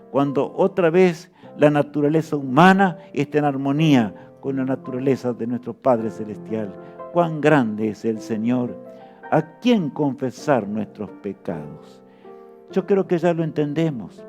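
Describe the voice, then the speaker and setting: A man's voice: on the high side, darkish tone. A man preaching a sermon with fervor, often asking his listeners rhetorical questions.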